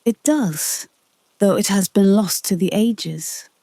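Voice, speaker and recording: A woman voicing an ancient, grave royal astronomer in a storybook, with measured, solemn delivery. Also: mid-range voice, mellow, no echo.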